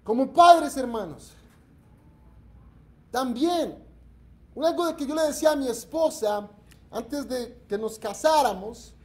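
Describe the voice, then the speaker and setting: A man's voice: extremely high pitch, lively intonation, slow pace, long pauses. A middle-aged man, preaching a sermon in an emphatic, earnest way. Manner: emphatic and earnest, acts out quoted voices. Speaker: pastor. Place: church.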